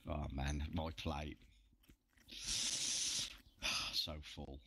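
A man's voice: rumbling low, little pitch movement, drawn-out words, gravelly, pushed and bright, slightly rough. A man chatting casually and swearing freely while playing a game. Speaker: gamer. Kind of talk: casual chat while gaming.

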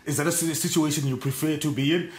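A man's voice: a little high, steady tone, fast talker, reverberant. A man in his thirties hosting a morning TV sports segment, asking long, probing questions with frequent fillers in a studio. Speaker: TV sports show host. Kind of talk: studio interview.

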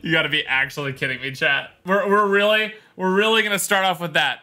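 A man's voice: high-pitched, fairly quick, pushed and bright. A man streaming, reacting to videos with amused exclamations and laughter. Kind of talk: live-stream reaction commentary.

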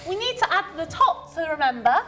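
A woman presenting a children's show in a slow, sing-song manner, coaxing young viewers to join in. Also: very high voice, very animated, pushed and bright. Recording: noisy amateur recording.

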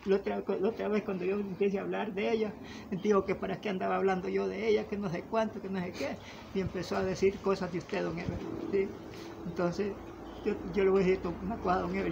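Pleading high-voiced Honduran man. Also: creaky, highs cut off, noisy background. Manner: pleading, repetitive, keeps addressing the listener by name. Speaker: interviewee, father. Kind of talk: emotional conversation.

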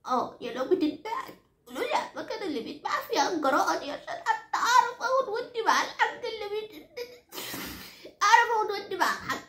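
Here a woman speaks in a high-pitched, lightly acted voice, and the sound is reverberant. Playing a nearly ninety-year-old Egyptian grandmother who nags but is henpecked by her husband, she delivers a comic character monologue, ranting to the audience in an Egyptian Arabic accent while scolding, repeating herself, and swearing exaggerated oaths.

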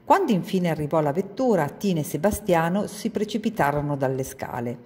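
A woman reading a children's book aloud in a calm, measured storytelling manner. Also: deep voice, big-room sound. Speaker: reader.

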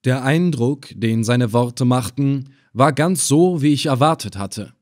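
A man reading an adventure story aloud in the first person, calm and measured. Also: medium pitch, no echo, studio quality. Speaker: audiobook narrator. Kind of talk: first-person audiobook narration.

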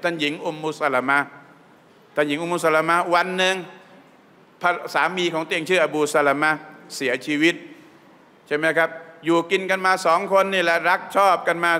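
Male religious teacher, bright and fairly high voice, lively sermon style, long hall reverb. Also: normal speed. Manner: lively, asks the audience questions often. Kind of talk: Islamic sermon storytelling. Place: mosque training hall.

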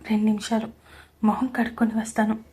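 A timid, mistreated young wife, as a woman voices her, who answers meekly in a hushed, breathy near whisper. She sounds worn down in this audio story. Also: fairly high pitch, monotone, fast talker. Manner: meek, whispery.

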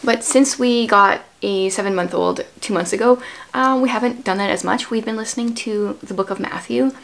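A homeschooling mom in her thirties hosts an easygoing book chat indoors, explaining conversationally and asking questions. She speaks at normal speed in a creaky voice on the high side. She is in a small furnished room at home.

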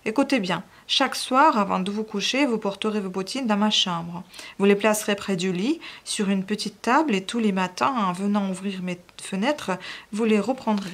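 Woman doing a coaxing old gentleman, raised and louder voice, insistent, storybook reading. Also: mid-range voice, moderate pace, close to an everyday voice. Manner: coaxing, insistent, rising to pleading. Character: fawning aging gentleman with a shoe obsession. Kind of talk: audiobook reading.

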